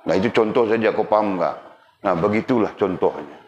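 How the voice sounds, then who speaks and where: A religious teacher with a lowish, brisk, somewhat dark voice delivers a lecture, teasing his audience and speaking to them directly. The recording sounds roomy and dull, lo-fi, with faint background noise.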